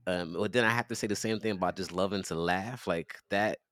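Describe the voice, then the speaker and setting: A man's voice: low-pitched, fairly quick, a bit bright. A man in his thirties, a podcast co-host, chatting in a laid-back way with frequent sighs and laughs. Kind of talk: casual chat.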